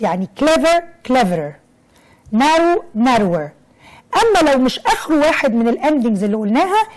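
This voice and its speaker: An Egyptian woman teaching English grammar on television, mixing quick Arabic explanations with slow, carefully spelled English examples. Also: sits high, darkish tone, low-quality recording. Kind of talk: televised classroom lesson.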